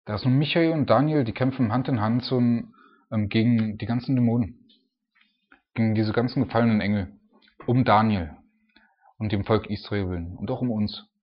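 A man's voice: fairly low pitch, moderate pace. A man preaching an informal sermon, explaining Bible passages in a conversational, folksy way with frequent fillers. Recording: dull lo-fi recording.

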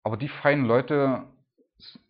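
A man preaching an informal sermon, talking casually with frequent "ne?" tags and sometimes acting out loud, high cries. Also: fairly even intonation, slow pace. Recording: dull lo-fi sound.

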